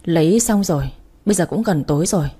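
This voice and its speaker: A man's voice: fairly high pitch, fast, mellow, breathy edge. Cocky young boss, as a woman reads him. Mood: teasing.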